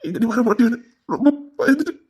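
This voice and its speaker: In an audio drama, an actor plays a remorseful, short-tempered husband with a Tirunelveli Tamil accent. His husky, breathy, middle-pitched voice is expressive, fast and darkish as he tearfully pleads and apologizes with deep feeling.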